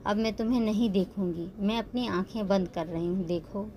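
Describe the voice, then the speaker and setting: A woman's voice: medium pitch, normal speed, warm tone, a little hiss or hum, close to an everyday voice. A woman voicing an innocent, lonely young woman with a childlike way of talking in a storybook reading. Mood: pleading.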